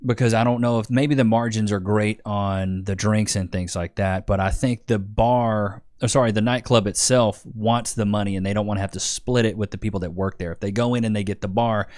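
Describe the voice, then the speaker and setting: A man's voice: lowish voice, steady tone, a little fast, few pauses, darkish tone, no room sound, clean studio sound. A man co-hosting a casual reaction chat, blunt and opinionated, often calling the others "bro" and "dude". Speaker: co-host reacting to clips.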